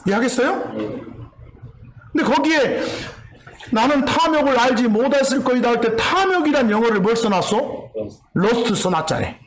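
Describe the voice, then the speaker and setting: High, lively Jeolla pastor preaching. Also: male voice, normal speed, a little hiss or hum. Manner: quizzes the congregation with repeated questions. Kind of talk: teaching sermon. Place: church sanctuary. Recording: echoey church hall.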